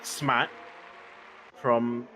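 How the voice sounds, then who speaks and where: A man's voice: medium pitch, flat delivery, extremely slow, low-quality recording. A man giving live motorsport commentary, reacting to the action and repeating phrases for emphasis. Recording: loud engine noise behind the voice.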